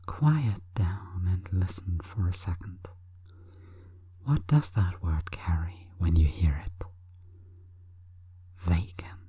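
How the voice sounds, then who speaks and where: A woman hypnotist whispers an intimate sleep hypnosis monologue, breathy, coaxing and deliberate. Her voice is very deep with a dark tone, and the recording has no echo.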